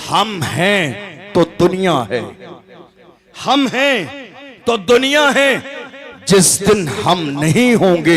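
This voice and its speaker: Male preacher, fiery sermon, raised pitch, loud-soft swings, distant gathering mic. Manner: orating, swinging from shouts to hushed tones. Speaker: Islamic preacher. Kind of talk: fiery public religious speech.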